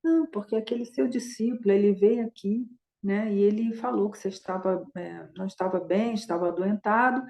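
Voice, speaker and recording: A woman voicing a friendly lay benefactor who greets a monk in a warm, chatty way. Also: medium pitch, a little fast, natural voice.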